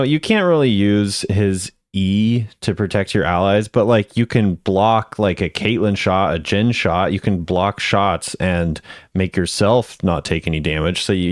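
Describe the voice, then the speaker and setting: A man with a deep voice hosts a video, casually commenting as he ranks game voice lines. The sound is clean, studio-quality, with no room sound.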